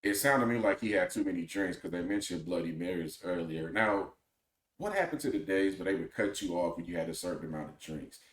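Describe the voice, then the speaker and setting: A man's voice: deep voice, animated, a little fast. A man co-hosting with casual, plain-spoken, colloquial commentary. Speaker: talk show co-host. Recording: roomy, echoing sound.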